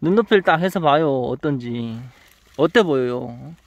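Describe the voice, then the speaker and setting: A man's voice: mid-range voice, expressive, normal speed, no echo. A man with a Gyeongsang accent, a crop consultant talking through a field visit, questioning and teasing as he coaches. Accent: Gyeongsang Korean. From Gyeongsang region, Korea. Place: outdoors in a farm greenhouse.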